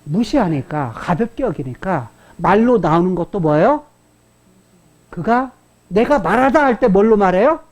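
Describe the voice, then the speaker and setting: A woman's voice: mid-range voice, animated, normal speed, darkish tone. A woman pastor preaching a Sunday sermon, often asking the congregation questions and repeating key phrases. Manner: dramatic voicing of quoted insults.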